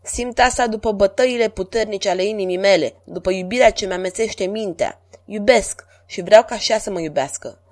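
A woman voicing a vain, lovestruck middle-aged king in a storybook reading, speaking grandly and louder than her narration. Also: medium pitch, close to an everyday voice. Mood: rapturous.

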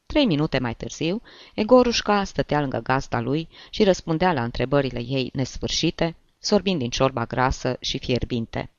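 A man's voice: medium pitch, animated, creaky, no room sound, highs cut off. Man reading a story expressively. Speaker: narrator. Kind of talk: audiobook reading.

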